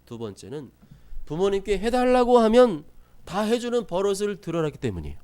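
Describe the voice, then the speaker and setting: A male pastor preaching a sermon from South Korea, lively, acting out scolding parents in quick asides. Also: high voice, smooth. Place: church sanctuary.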